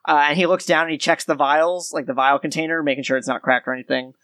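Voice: medium pitch, steady tone, fast talker, fairly bright tone, no echo. A game master narrating a tabletop game in an informal, descriptive way.

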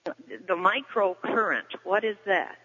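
A man calling into a radio show over a clipped phone line, asking questions in a hesitant, halting way with fillers. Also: high voice, big pitch swings, pushed and bright, slightly rough. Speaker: caller. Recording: dull lo-fi phone line with long reverb.

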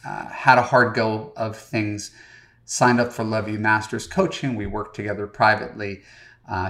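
Gravelly-voiced man hosting a podcast. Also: lowish voice, fairly bright tone. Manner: conversational, direct address with frequent fillers. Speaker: dating coach and podcast host. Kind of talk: podcast monologue.

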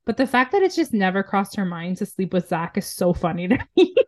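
A woman's voice: mid-range voice, sing-song, fairly quick, darkish tone. Giggly chatty woman podcast host. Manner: chatty, laughs often, many fillers like "um" and "like". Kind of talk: casual chat.

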